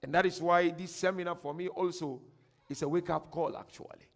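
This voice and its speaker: In a religious workshop, this lecturer from Ghana speaks with Ghanaian-accented English, alternating forceful declamation with slow, grand readings of quotations and hushed side remarks. He has a slightly high voice with a steady tone and vocal fry.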